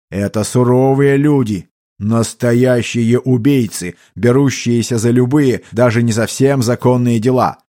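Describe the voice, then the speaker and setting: A mustached army captain drawls his words and barks commands with slow weight, as a male reader puts him on. He sounds stern and in charge, a storybook soldier. The pitch sits mid-range. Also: mellow, close to an everyday voice. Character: mustached army captain, stern but amused, older man.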